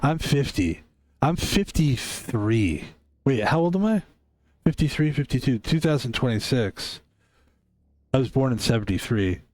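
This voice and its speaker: A man's voice: mid-range voice, very animated, a little slow, a little mellow, dry recording. A man in his fifties chatting casually while streaming a game, rambling and correcting himself as he thinks aloud. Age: 50s. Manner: rambling, reflective, self-correcting. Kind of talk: casual chat while gaming.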